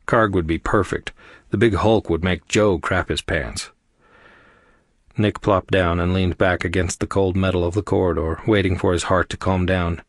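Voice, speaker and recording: A man reading an audiobook as narrator, telling the story in an even voice. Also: low-pitched, moderate pace, no echo, clean studio sound. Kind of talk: scripted narration.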